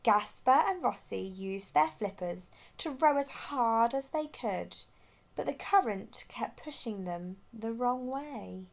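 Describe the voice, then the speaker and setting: A woman's voice: on the high side, lively intonation, takes it slowly, vocal fry. A woman reading a children's storybook aloud expressively as a storyteller.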